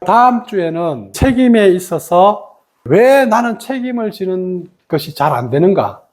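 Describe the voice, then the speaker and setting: A woman leads a meditation lesson in an animated voice. Her pitch swings widely as she slips into other people's voices to make her points. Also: unhurried. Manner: animated, acts out quoted speech of others. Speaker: meditation teacher.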